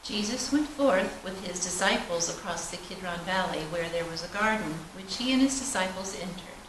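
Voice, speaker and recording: Captured from a distance in a big, noisy, echoing church, a woman with a fairly low, slightly bright voice reads scripture. Her delivery is solemn yet animated, at a moderate pace, as part of the service.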